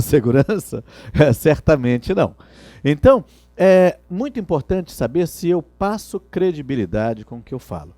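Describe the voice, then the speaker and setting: A man's voice: fairly high pitch, mellow, dry recording. A middle-aged man gives a lecture on customer service, teaching by asking the class rhetorical questions. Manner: didactic, asks rhetorical questions. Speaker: instructor.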